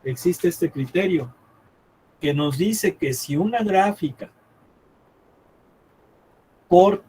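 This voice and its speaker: Man teaching math, fairly high voice. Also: animated, warm tone, slight background noise, poor audio. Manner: checks understanding often with quick questions, repeats himself; thinks aloud while drawing on the board. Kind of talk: live classroom lecture.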